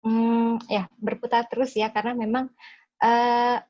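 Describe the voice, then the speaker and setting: A woman's voice: a little high, little pitch movement, a little slow, highs cut off. A woman moderating a talk, responding to the speaker in an affirming way.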